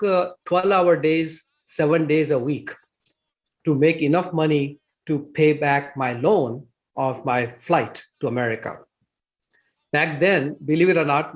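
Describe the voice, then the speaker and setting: Older Indian man telling his story. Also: fairly high pitch. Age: 60s. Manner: reflective, chuckles between phrases, frequent "uh" fillers. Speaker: interview guest. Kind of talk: storytelling interview talk.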